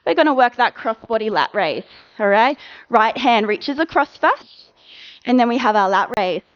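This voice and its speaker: Upbeat woman workout coach, higher voice, dull lo-fi recording, counts down reps. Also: animated. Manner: encouraging, brisk coaching with countdowns. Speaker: fitness instructor. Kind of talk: live workout cueing.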